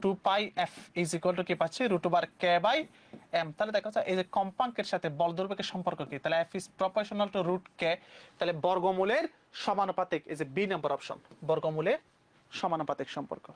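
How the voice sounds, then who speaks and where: A young man from Bangladesh with a Bangladeshi Bengali accent, teaching physics exam questions briskly and mixing English terms into his speech. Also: high-pitched. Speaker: physics tutor. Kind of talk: exam-prep lesson.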